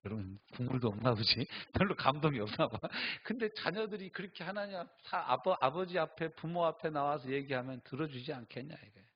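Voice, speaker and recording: Male pastor preaching, husky voice, pitch all over the place, kinda muffled lo-fi sound. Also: a little fast, hardly any pauses. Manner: animated storytelling, acts out quoted voices and laughs. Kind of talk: sermon at a Friday night service.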